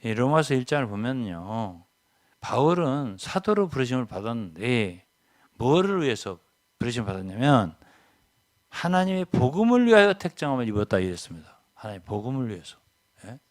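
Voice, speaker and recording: Emphatic older Korean pastor preaching. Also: male voice, very animated, moderate pace. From South Korea. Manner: emphatic, keeps asking "예?" to the congregation; swings between loud stresses and low asides. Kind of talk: sermon.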